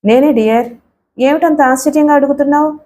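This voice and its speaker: A woman's voice: high voice, a little fast, warm tone, a little hiss or hum, voice pushed up, natural voice. A woman voicing a mysterious, teasing young woman who calls on the phone and gives sweet, mocking orders.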